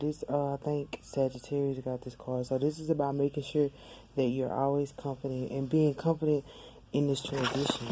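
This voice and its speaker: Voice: medium pitch, noisy background. A tarot reader speaking straight to the camera in a loose, colloquial, rambling way, full of fillers, who acts out quoted voices. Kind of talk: casual tarot reading to camera. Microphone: camera mic.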